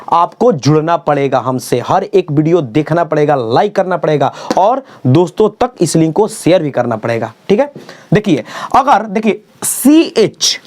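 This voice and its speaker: A man teaching English grammar in a classroom-style lesson. He spells words out letter by letter, repeats key phrases slowly and keeps checking "okay?". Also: sits high, a little mellow.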